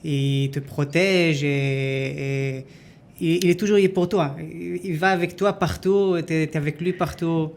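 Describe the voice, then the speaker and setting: A man's voice: on the high side, fairly even intonation, vocal fry. A man from Israel with a foreign, Israeli accent in French, telling his story as an interview guest and searching for words. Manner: halting, searches for words in non-fluent French. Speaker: interview guest, former army dog handler.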